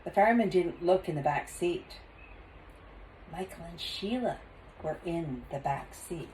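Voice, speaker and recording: Lively grandmotherly older woman reading aloud. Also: lowish voice, a little slow, slight background noise, poor audio. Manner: grandmotherly, expressive storytelling. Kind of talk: children's storybook reading.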